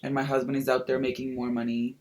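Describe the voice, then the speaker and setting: A man's voice: medium pitch, level tone, fast talker, a little mellow, rough recording. A man chatting casually through a makeup tutorial as a sassy drag queen, with campy slang and exclamations. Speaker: makeup vlogger and drag performer. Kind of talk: casual get-ready-with-me makeup tutorial chat.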